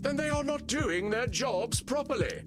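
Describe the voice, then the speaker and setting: A hammy old-school theatre vampire, super grandiose and wounded, high voice, music behind. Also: male voice, animated, moderate pace. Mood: haughty. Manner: hammy stage actor, grandiose declaiming. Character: vain, wounded undead male vampire thespian, melodramatic. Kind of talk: theatrical video game character acting.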